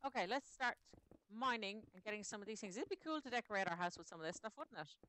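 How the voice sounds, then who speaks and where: A woman's voice: medium pitch, animated, fast, sharp tone. A woman hosting a Minecraft let's play, chatting casually and playfully while she plays and sometimes breaking into sing-song. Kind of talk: casual gameplay commentary.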